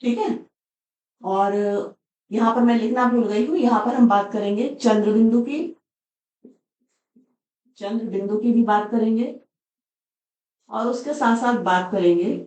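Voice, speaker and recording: A woman's voice: on the high side, unhurried, long pauses, a little mellow. A woman teaching Hindi pronunciation, patiently explaining each letter step by step. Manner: patient, explains step by step, often says "ठीक है". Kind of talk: blackboard lesson on pronunciation. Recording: echoey room, voice from a distance.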